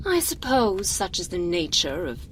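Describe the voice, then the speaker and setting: A woman's voice: on the low side, very animated, moderate pace, a little hiss or hum. A woman playing an imperious, seductive aristocratic vampire lady with wounded pride, in a languid, theatrical ASMR roleplay, close to the microphone and drifting into near-whispers. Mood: wistful, bitter. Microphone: close binaural microphone.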